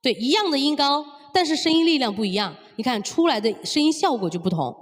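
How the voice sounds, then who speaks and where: A woman's voice: high-pitched, big pitch swings, fast talker. A woman singing teacher explaining technique at the piano, stepping through points and checking in with rhetorical questions. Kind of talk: vocal lesson at the piano. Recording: long reverb with piano music behind.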